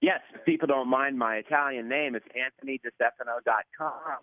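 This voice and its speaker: A man with a Brooklyn accent talks as a guest in a radio interview. He is emphatic, often restating a phrase to drive it home. His pitch is average, and the sound is close and dry but slightly dull. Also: brisk, no echo. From Brooklyn, New York, USA.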